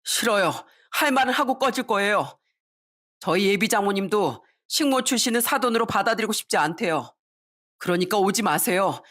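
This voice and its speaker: A woman's voice: mid-range voice, animated, normal speed, a bit bright. A woman doing an arrogant, defiant son. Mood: cold defiant. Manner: cold, cutting. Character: arrogant, disrespectful adult son.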